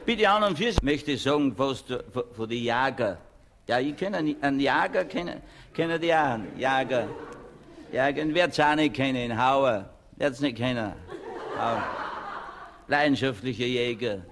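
A man's voice: mid-range voice, moderate pace, noisy background. A man with an Upper Austrian accent telling dialect jokes on a comedy record, rambling with stumbling restarts and chuckling at his own punchlines.

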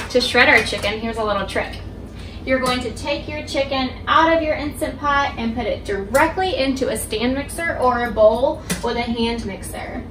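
A young woman giving a step-by-step cooking demonstration in her home kitchen, explaining each step clearly to the viewer. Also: on the high side, distant mic. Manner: clear, instructive, addresses viewer directly. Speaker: cooking instructor. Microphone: camera across the kitchen. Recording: echoey kitchen, voice from off-mic, household noise.

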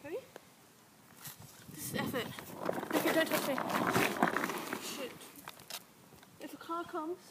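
A woman's voice: high-pitched, fairly even intonation, slow pace, long pauses. A teenage girl off camera outdoors, mocking and bossing her friend while laughing. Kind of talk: casual banter outdoors. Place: outdoors on a street. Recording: loud outdoor noise on phone audio.

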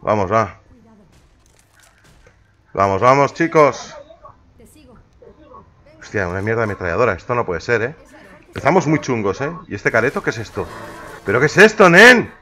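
A man from chatting casually on a live stream, talking playfully to his cat and reacting loudly to a game. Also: medium pitch, moderate pace, long pauses. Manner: playful, talks to his cat in baby-ish tones; excitable exclamations. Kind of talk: casual live-stream chat while gaming.

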